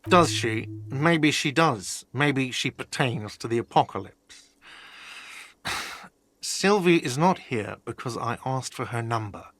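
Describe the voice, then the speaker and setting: An actor playing an irritated, dismissive hostel manager in a video game, speaking sarcastically. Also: male voice, medium pitch, expressive, slow, a bit bright.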